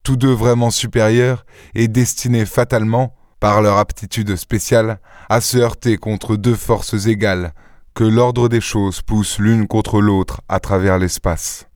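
A man reading a literary story aloud in a measured narration, recorded on a close studio mic. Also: fairly low pitch, fairly even intonation, a little mellow, no echo. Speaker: audiobook reader. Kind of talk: scripted narration.

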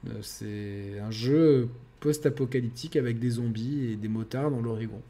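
A man's voice: medium pitch, normal speed. A man hosting a casual gaming podcast, rambling with many fillers. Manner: rambling, lots of fillers, gets excited and laughs. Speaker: podcast host.

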